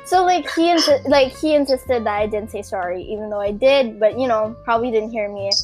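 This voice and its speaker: A young woman with a Filipino accent telling a story in a casual chat, animated and acting out what other people said. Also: a little high, fairly quick, soft background music. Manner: animated, acts out quoted people, many fillers.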